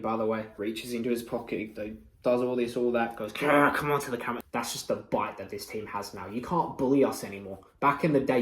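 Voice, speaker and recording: A man's voice: lowish voice, reverberant. A young man giving a passionate, mocking post-match reaction as a fan channel host. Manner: passionate, swearing, mocking rivals.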